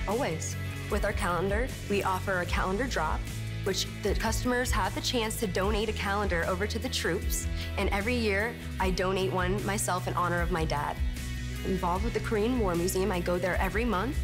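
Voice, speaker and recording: A young woman in her twenties, a pageant contestant, speaking earnestly and from the heart in an interview feature. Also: mid-range voice. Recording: music bed under voice.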